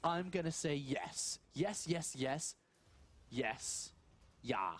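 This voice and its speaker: Animated male esports caster, lively pitch. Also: very slow. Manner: animated, thinks aloud in questions. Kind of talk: live game commentary.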